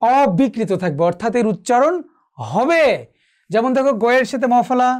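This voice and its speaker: A teacher giving an exam-prep lecture on pronunciation rules, asking questions and answering them himself, repeating key points. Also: male voice, very high voice, animated, normal speed. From Bangladesh. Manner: asks and answers own questions, repeats for emphasis.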